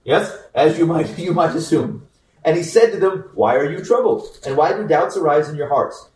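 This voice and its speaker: A man gives a conversational Bible teaching to a group, keeping it informal and joking and often checking in with "okay?" His voice is fairly high. He's far from the mic in an echoey room, with slight background noise.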